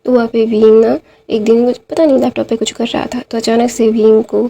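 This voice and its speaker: A woman storyteller chatting her way through a fan-fiction retelling, with frequent fillers. Her voice sits a little high but stays flat in melody, with a gravelly, mellow tone. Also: a little fast. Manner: chatty, many fillers like "to wahan pe na".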